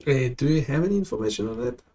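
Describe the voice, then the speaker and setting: A man hosting a live development stream, talking casually and haltingly, with many fillers and restarts. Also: medium pitch, expressive, dark tone.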